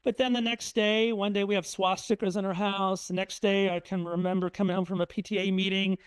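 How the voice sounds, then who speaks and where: Moving briskly, a middle-aged Indiana author shares family anecdotes in a conversational museum talk with slides, punctuated by frequent ums and uhs. His voice sits high, clear and resonant, in a level tone. There's no echo, but the recording is rough.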